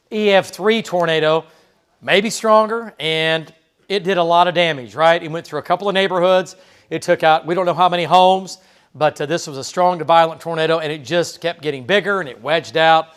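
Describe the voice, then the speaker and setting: A male TV meteorologist handles live tornado coverage from the studio with a smooth voice pitched slightly above most men's. He talks through the radar informally, using fillers and the occasional quick "okay?"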